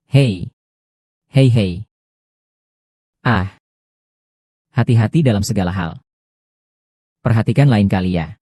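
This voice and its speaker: A man reading every part of a dubbed drama in a plain, even way. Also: lowish voice, slow pace, pauses often, no room sound, studio quality.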